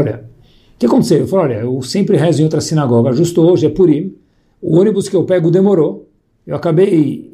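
A man telling a moral story as a sermon, lively and acting out the people in it. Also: a little high. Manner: lively storyteller, voicing characters in quotes.

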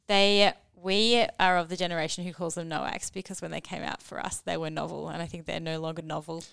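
A woman's voice: sits low, fairly even intonation, a little fast, gravelly, fairly bright tone, smooth, no room sound. A woman hosting a casual educational discussion, explaining things in an informal way. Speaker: podcast host and medical teacher.

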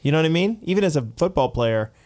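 A man's voice: on the high side, animated, fast, darkish tone. A man who is a pastor, talking casually and with animation, often restarting his sentences. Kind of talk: casual chat.

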